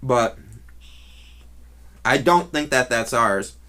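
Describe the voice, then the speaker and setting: A man telling a first-hand story in a casual vlog style, talking in a rambling, halting way that often restarts. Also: medium pitch, animated, pushed and bright. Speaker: vlogger.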